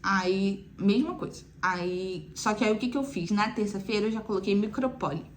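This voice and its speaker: Young mom for a casual vlog: chatty, mid-range voice, slight room noise. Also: female voice, mid-range voice, normal speed. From Brazil. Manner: chatty, frequent "né" asides. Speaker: mother telling her weaning story. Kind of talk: casual chat to viewers.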